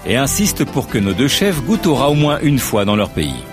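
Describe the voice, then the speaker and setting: A man's voice: medium pitch, very animated, fairly quick, music in the background. A man from narrating a nature documentary in a scripted, storytelling way.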